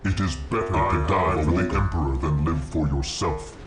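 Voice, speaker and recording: A man voicing an ancient warrior entombed in a war machine in a video game, his deep voice booming through a metallic machine filter, slow, solemn and commanding. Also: over loud music. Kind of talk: video game unit voice lines.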